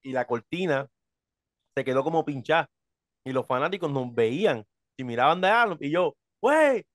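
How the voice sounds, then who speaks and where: A man, a professional wrestler, telling animated stories in casual chat and acting out voices. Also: medium pitch, normal speed, no room sound, studio quality. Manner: animated storyteller, acts out voices, says brother.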